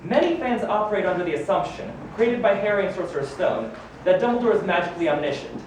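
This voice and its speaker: A fast-talking, very animated performer, lightly acting at medium pitch, plays a wizard headmaster reading his own biography at a live launch party. He's theatrical and slips in wry, amused remarks. The echoey, noisy room is picked up by a far-off mic.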